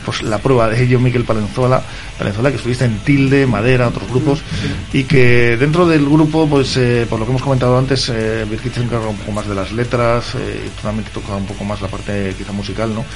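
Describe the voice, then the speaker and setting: A man's voice: medium pitch, steady tone, brisk, over music. A man hosting a radio interview, introducing guests with many hesitant fillers. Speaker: radio host.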